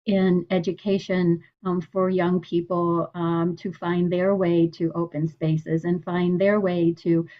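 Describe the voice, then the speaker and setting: A woman's voice: on the low side, flat delivery, slow, hardly any pauses. A woman making an earnest public comment over dull, lo-fi online meeting audio.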